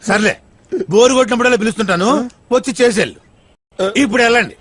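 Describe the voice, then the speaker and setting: An actor playing a bossy police officer in a Telugu film comedy. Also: male voice, very high voice, fast talker, fairly bright tone, slightly rough, dry recording, exaggerated voice.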